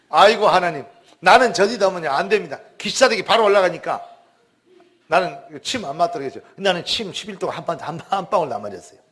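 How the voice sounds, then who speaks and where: A man's voice: sits high, fairly bright tone. A man, a pastor, preaching a sermon testimony in an emphatic storytelling way, with exclamations and words repeated for stress.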